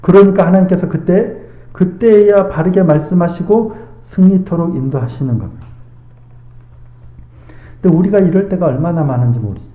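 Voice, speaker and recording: A male pastor giving a midweek sermon, earnest, asking rhetorical questions and reading scripture slowly. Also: sits high. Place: church sanctuary. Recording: echoey church hall, dull lo-fi sound.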